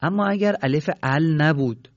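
A man's voice: fairly high pitch, dry recording, dull audio. A man teaching a Quran recitation lesson in a patient way, asking questions and then answering them himself. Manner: patient, asks and answers his own questions. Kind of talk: explanatory lesson.

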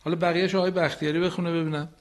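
Man, recitation teacher, radio lesson, patient corrections, slow chanted examples, slightly raised pitch. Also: flat delivery. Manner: corrects students patiently, models phrases slowly and chants them.

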